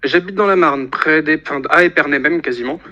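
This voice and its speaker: A man's voice: a little high, a little fast, bright, forceful tone, dull audio. A man in his twenties from France, a caller on a live show, speaking politely and a little hesitantly over a call. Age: 20s. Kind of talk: phone call conversation.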